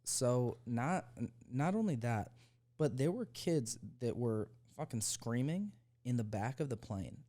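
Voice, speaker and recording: A man's voice: mid-range voice, lively intonation, measured pace, dark tone. A young man co-hosting a podcast, telling a heated, profane story in casual chat. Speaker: podcast co-host.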